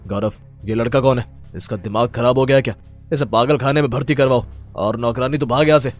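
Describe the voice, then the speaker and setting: A man voicing an arrogant, wealthy older businessman in an animated story, speaking brusquely and dismissively. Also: mid-range voice, a little fast, faint music behind, natural voice. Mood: contemptuous.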